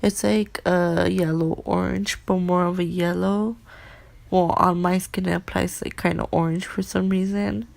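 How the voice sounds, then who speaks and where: A woman's voice: fairly low pitch, gravelly, darkish tone, dry recording. A young woman casually narrating a makeup tutorial as a beauty vlogger, speaking with her mouth held slightly open around braces.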